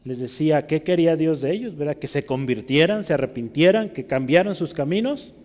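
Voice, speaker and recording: A man's voice: a little high, lively intonation, a little fast, a little mellow, long reverb tail. A man preaching a sermon as a pastor, teaching steadily and often checking in with his listeners with tag questions.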